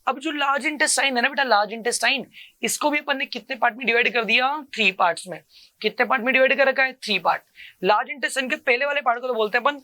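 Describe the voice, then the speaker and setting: Male coaching teacher, bright tense voice, dry close mic. Call-and-response drilling that keeps addressing the student warmly. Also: dry recording. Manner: asks a question, then answers it himself in a lower voice; keeps calling the listener "beta" and repeats each term.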